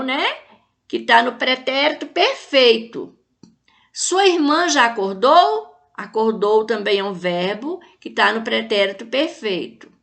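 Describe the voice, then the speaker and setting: A woman's voice: fairly high pitch, creaky, sharp tone. A woman with a Brazilian Portuguese accent teaching a grammar video lesson to children, explaining patiently and checking in with "né?" and "tá bom?".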